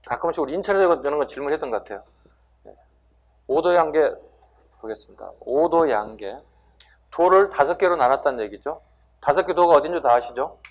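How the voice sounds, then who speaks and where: A man's voice: a little high, lively intonation, fairly quick. Emphatic man lecturing a class. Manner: rhetorical questions, answering himself, emphatic. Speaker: civil service exam history lecturer.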